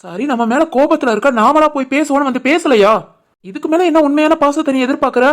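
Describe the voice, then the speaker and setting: Cartoon young husband voiced by a woman, fairly high voice, Tirunelveli Tamil accent, insistent and scolding. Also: fast, close to an everyday voice. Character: young village husband, stubborn but loving. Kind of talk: animated family drama voice acting.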